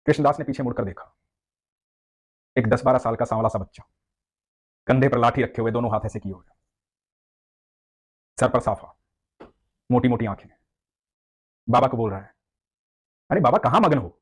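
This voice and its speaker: A man's voice: medium pitch, fairly even intonation, normal speed, pauses often. A man narrating a devotional story in an earnest, vivid storytelling way.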